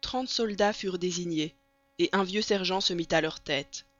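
An audiobook narrator reading a classic novel in an even, steady storytelling manner. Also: mid-range voice, moderate pace, no room sound. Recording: dull lo-fi recording.

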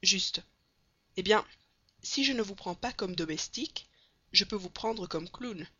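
A woman doing a booming, blunt American showman. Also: unhurried, pushed and bright, husky. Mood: boisterous. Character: brash loud middle-aged male American showman. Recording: slightly dull, dry recording.

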